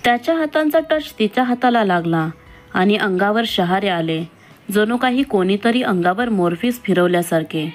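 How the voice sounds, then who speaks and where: Woman narrating a story over soft music. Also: expressive, moderate pace. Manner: reads every character in her own voice, dialogue a bit higher.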